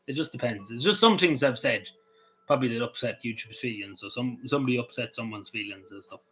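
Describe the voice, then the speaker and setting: With soft background music playing, a man of medium pitch talks at a quick pace in a fairly bright tone. He's an Irish YouTuber casually answering viewers on a livestream, rambling with plenty of "you know" and restarts.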